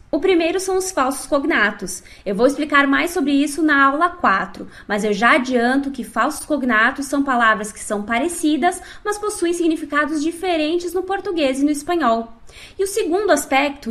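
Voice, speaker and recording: A woman teaching a scripted online language lesson, explaining clearly and speaking directly to the learner. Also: sits high, expressive, moderate pace, a bit bright. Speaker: Spanish teacher.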